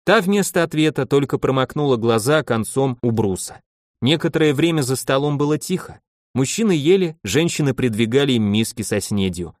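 This audiobook is read by a man whose mid-range voice keeps a steady, measured storytelling pace. The audio is studio quality, without any room sound.

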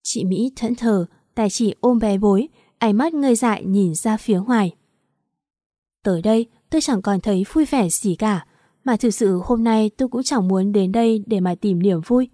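Mellow-voiced woman narrating a story. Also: medium pitch, normal speed, no room sound, studio quality. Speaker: audiobook narrator. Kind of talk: first-person storybook narration.

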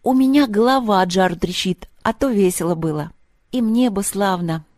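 A woman's voice: mid-range voice, moderate pace, darkish tone, no room sound, clean studio sound, natural voice. A woman reading aloud, voicing tired children who complain in a raised, plaintive tone. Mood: whiny. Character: sickly complaining children after an outing.

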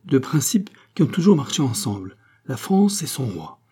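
Haughty queen, read by a man, imperious and reproachful, raised dark husky voice. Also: mid-range voice, big pitch swings, normal speed, voice pushed up. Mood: indignant. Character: proud haughty queen, woman, stern.

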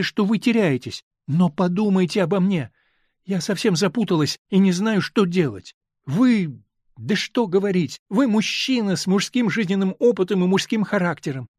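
A male reader voicing a gentle, confused woman torn between two men, talking in an earnest, wavering way. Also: high-pitched, no room sound, clean studio sound, voice pushed up.

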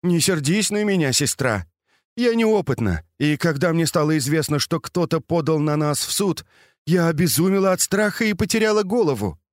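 A haughty, sharp-tongued noble lady lashes out with mocking questions, as a male audiobook reader puts her on. The voice sits high and tight, recorded dry and close. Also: lively intonation, moderate pace, no room sound, natural voice. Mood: conciliatory. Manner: scolding, biting, mocking questions. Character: proud, sharp-tongued noblewoman of a grand household. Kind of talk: audiobook reading.

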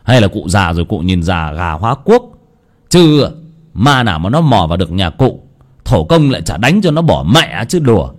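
A man's voice: fairly low pitch, big pitch swings, normal speed. A man voicing a skeptical old male war veteran, speaking boldly and with a scoff. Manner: bold, scoffing and forceful.

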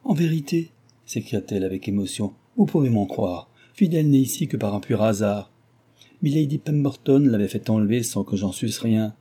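A man's voice: expressive, normal speed, dark tone, slightly rough. A male audiobook reader voicing a proud, distressed young woman heiress, pleading and emotional in tone. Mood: ashamed, agitated. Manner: pleading, emotional, high-strung. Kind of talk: audiobook reading.

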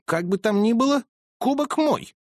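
A man voicing an excitable aristocratic old colonel who exclaims and protests in an agitated manner. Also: very high-pitched, moderate pace, no room sound, studio quality, voice pushed up. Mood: overjoyed.

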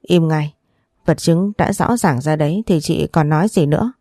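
A domineering old matriarch , read by a woman narrator scolds and gives orders in a low, dark voice. The sound is dry and close, a storybook reading with little room. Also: moderate pace, dry recording. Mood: stern. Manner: scolding, authoritative. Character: stern, commanding elderly grandmother, matriarch.

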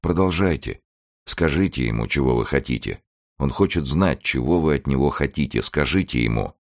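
A man voicing a frail older male ex-preacher who speaks impatiently in a shrill, high voice that rises to screams. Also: animated, normal speed, vocal fry, heavily acted. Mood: urging.

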